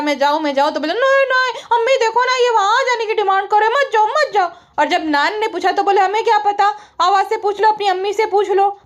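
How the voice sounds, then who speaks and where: A woman giving a sarcastic, mocking gossip commentary and mimicking the people she criticizes. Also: sits high. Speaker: online commentator.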